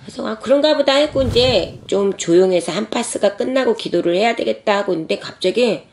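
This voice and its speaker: 무속인인 중년 여성이 캐주얼하게 경험담을 들려주며 대사를 흉내 낸다. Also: female voice, medium pitch, brisk. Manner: lively retelling with acted quotes. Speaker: shaman storyteller. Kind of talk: casual storytelling.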